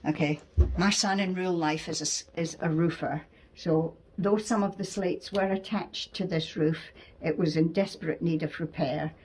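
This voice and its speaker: A woman's voice: on the low side, fairly even intonation, normal speed, few pauses, darkish tone, slight background noise. A middle-aged woman with a Scottish accent, patiently walking a friend through her miniature dollhouse in casual show-and-tell chat, explaining each detail step by step. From Scotland. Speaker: dollhouse owner showing her miniature house.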